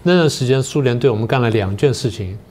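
A man's voice: mid-range voice, lively intonation, darkish tone. Older man lecturing step by step. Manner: methodical, explains step by step with many pauses. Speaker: political science professor, guest. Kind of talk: lecturing on a talk show.

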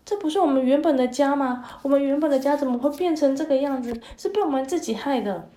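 A woman's voice: high-pitched, quick pace, dark tone, reverberant, pitched above the performer's own voice, natural voice. A woman voicing two grown sons, a general and a commander, lamenting with tearful remorse in a storybook. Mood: remorseful.

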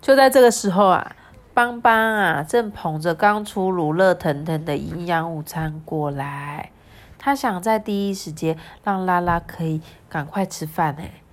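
A woman reading a picture book aloud to a child, chatty and lively with asides. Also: lowish voice, unhurried. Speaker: storyteller.

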